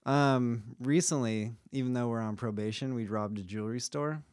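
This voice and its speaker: A young man hosting a casual podcast, explaining a topic to a friend in a laid-back, joking way with quick asides. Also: mid-range voice, a little mellow, smooth, no echo, clean studio sound. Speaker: podcast host.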